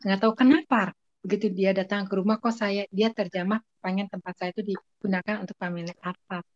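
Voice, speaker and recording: A woman giving a casual, lively spoken testimony as a guest, often laughing. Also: mid-range voice, brisk, no room sound. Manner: lively storytelling with frequent laughs. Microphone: video call. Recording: muffled dry video-call audio.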